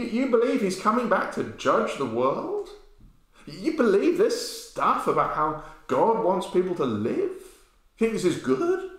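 A man in his fifties preaching a sermon, animated storytelling that swings between loud and hushed, recorded indoors in a bare room by a camera at medium distance. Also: fairly high pitch. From England. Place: bare-walled room indoors, with a sign language interpreter beside him. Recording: very echoey room.

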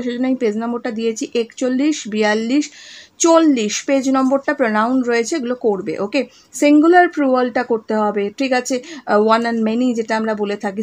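A woman, teaching a grammar lesson to young students, patiently explaining each answer and checking in with "okay?" as she goes. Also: sits high. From West Bengal, India. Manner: reads exercise sentences slowly and deliberately.

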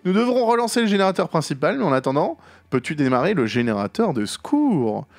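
A man putting on a high theatrical old inventor. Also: very animated, brisk, a little mellow, no echo. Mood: urging. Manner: theatrical, grandiose. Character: eccentric old male inventor grandfather, excitable. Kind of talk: reading game dialogue aloud in a voice.

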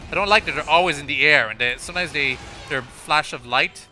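This young man's slightly high voice comes out brisk, pushed, and bright as he rambles through gameplay commentary for a let's play. He often breaks off and restarts, filling pauses with "uh" and "like," with game music in the background.

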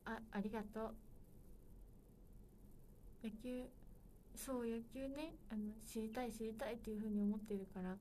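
A woman in her twenties with a fairly high voice hosts a solo livestream. She chats playfully and casually, talking straight to her viewers. A faint noise sits under her voice. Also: fairly even intonation, moderate pace, pauses often, mellow. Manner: playful and chatty, addressing viewers directly. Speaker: livestream host.

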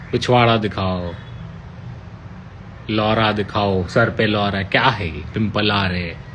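A man's voice: on the low side, a bit bright, a little hiss or hum. A man, chatting casually on a live stream and answering fan comments with teasing, playful banter.

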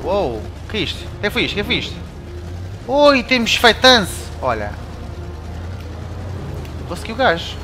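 A man with a European Portuguese accent giving excitable commentary while playing a game, yelping and shouting at scares. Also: fairly high pitch, normal speed, pauses often, slight background noise. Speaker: let's play gamer. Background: game music.

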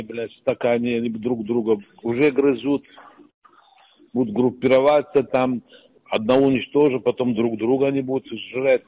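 A husky man speaking over a leaked phone call, his voice muffled and dulled by the line. He gives blunt, steady advice and swears casually, at an ordinary middle pitch. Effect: recorded phone call. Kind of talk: private phone conversation.

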